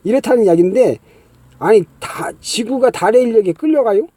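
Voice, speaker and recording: A middle-aged channel host speaks in a high, expressive, warm voice at a slightly quick pace, recorded dry. He rambles through an exasperated explanation, scoffing and packing it with fillers, constantly saying "ye" and checking with a rhetorical "eung?" (huh?).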